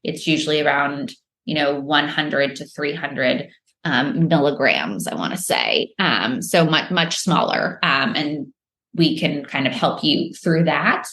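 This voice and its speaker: Deep-voiced and unhurried, with a fairly bright tone, an American woman guests on a podcast. The microdosing entrepreneur explains things casually in interview answers packed with fillers and restarts, and the recording has a roomy echo.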